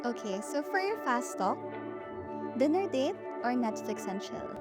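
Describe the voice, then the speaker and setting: High, slow, teasing woman. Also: big pitch swings, music in the background. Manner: teasing, playful. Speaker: question asker in a game segment.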